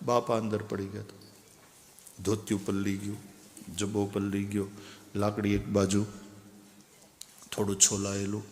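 A man's voice: fairly low pitch, monotone, moderate pace, pauses often, a little mellow, slight background noise. A man telling a parable in a sermon, who acts out the voices in the story. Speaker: religious storyteller. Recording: echoey hall with long reverb.

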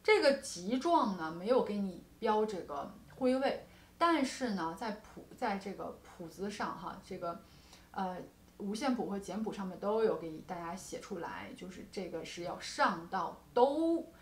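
A woman's voice: medium pitch, animated, moderate pace, reverberant, slight background noise. A woman teaching guqin technique in a patient explaining tone. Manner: patient explaining with frequent soft particles. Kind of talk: music lesson with demonstrations. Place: music studio.

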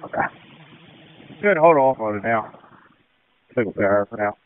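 A man's voice: fairly low pitch, animated, normal speed. An American man acting as a fire incident commander, giving orders over two-way radio. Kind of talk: emergency radio dispatch traffic. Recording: muffled, tinny two-way radio audio.

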